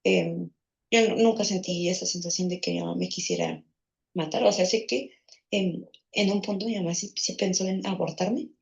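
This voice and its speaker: A woman's voice: on the low side, fairly even intonation, normal speed, gravelly, muffled recording. A woman with a Mexican accent recounting a childhood memory, rambling with many fillers and restarts. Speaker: guest in a therapy session. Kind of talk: personal storytelling.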